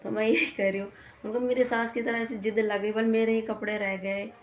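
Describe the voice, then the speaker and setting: Chatty Pahadi woman vlogger, flat delivery. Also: on the high side, moderate pace. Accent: Uttarakhand Pahadi Hindi. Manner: chatty, retells a quarrel with many "I said" asides. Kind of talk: casual storytelling to camera. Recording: echoey room with faint background noise.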